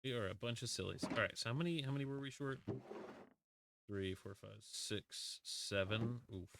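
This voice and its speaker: A man plays a block-building game on stream, casually chatting, warmly welcoming viewers, and joking about himself. His medium-pitched voice is creaky and moves at normal speed, with a little hiss or hum in the audio.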